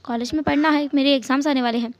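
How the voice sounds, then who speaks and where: A woman voicing a gentle, caring young woman with a soft, reassuring manner. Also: sits high, fairly even intonation, rapid-fire, no echo, muffled recording.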